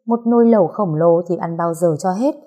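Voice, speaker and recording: Lady reading a story, kinda husky, low warm voice, lively. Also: a little fast. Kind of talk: storybook narration.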